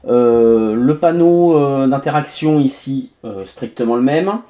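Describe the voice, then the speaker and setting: A man's voice: medium pitch, takes it slowly, warm tone. A man from France hosting a casual unboxing review, chatty and full of hesitations and little asides as he narrates each step. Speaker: tech reviewer.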